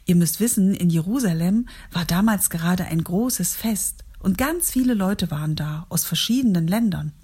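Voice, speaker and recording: Breathy woman telling a children's Bible story. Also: on the low side, animated, moderate pace, few pauses. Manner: gentle, warm reading to children.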